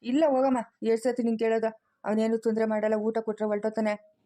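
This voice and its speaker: A woman's voice: on the high side, little pitch movement, quick pace, mellow, lightly acted. A woman from the Chikkaballapur region playing a kindly old village grandfather in a family drama, speaking patiently and soothingly with a rural Kannada accent. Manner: patient, soothing, explains at length. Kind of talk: amateur family drama acting.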